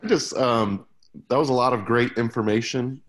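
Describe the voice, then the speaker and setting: A man joining a video call to politely ask a question, hesitating with many pauses. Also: medium pitch. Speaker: meetup attendee asking a question.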